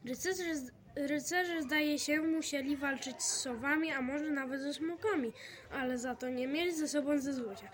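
Woman reading a storybook aloud, high voice. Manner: lively expressive reading with small slips.

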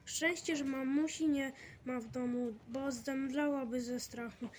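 A woman reading a storybook aloud and voicing an excitable young girl with squeaky, eager exclamations. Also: unhurried, slight background noise. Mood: surprised.

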